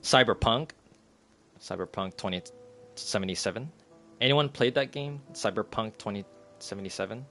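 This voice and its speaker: A man's voice: fairly low pitch, normal speed, pauses often, bright, forceful tone, soft background music. A man in his thirties chatting casually on a live stream, rambling and laughing as he reads the chat. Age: 30s.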